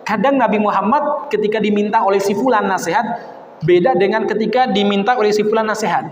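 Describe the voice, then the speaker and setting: A man preaching at a religious study session, quoting Arabic passages and explaining them in a relaxed, chatty way, sprinkled with local words. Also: high-pitched, slight background noise. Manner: quotes Arabic then explains, uses Javanese words. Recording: echoey hall, dull sound.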